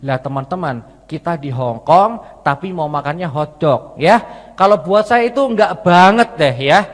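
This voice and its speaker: A male preacher in conversational sermon mode, weaving personal stories into his message and speaking to the congregation as friends. His voice sits a little high for a man. It rings out with a long hall reverb. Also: expressive, measured pace. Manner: conversational, addresses listeners as friends, repetitive.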